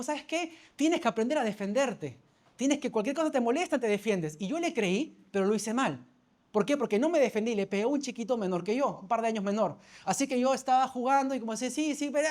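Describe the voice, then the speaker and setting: A man, a pastor preaching a sermon. He tells a personal story, calls for amens and often restarts his phrases. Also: high voice. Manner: storytelling, calls for amen, self-correcting restarts.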